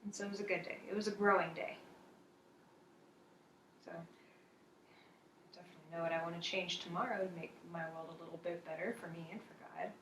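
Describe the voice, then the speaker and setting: A woman's voice: fairly low pitch, steady tone, fast, pauses often, a bit bright, echoey room, slight background noise, rough recording. A woman earnestly sharing a thoughtful evening prayer reflection at home. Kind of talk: casual spoken reflection. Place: home at night.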